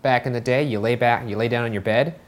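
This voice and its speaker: A man's voice: medium pitch, fast talker. A man co-hosting a podcast in casual chat, with a laid-back, dry, teasing way of talking. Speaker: podcast co-host.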